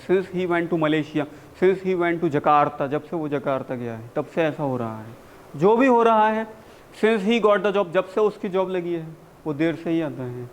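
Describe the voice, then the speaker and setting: A man's voice: on the high side, a little mellow. A man with an Indian accent teaching spoken English in a university classroom, explaining in Hindi and drawing out his English example sentences. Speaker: English communication coach. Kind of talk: classroom lecture.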